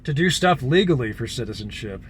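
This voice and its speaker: A man's voice: mid-range voice, fairly quick, slight background noise. A man, a vlogger from the United States, telling a long story in a casual, rambling way, full of fillers. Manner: rambling, filler-heavy, animated retelling.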